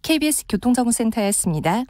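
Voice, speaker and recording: A woman reading a traffic report on the radio in a smooth, steady delivery. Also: a little high, fast talker.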